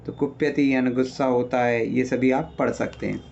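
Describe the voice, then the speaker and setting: A man's voice: mid-range voice, steady tone, moderate pace, gravelly, darkish tone, lo-fi sound, a little hiss or hum. A man teaching an online grammar class, patiently explaining and listing word meanings, often checking in with his students. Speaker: Sanskrit teacher. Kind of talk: online class revision lecture.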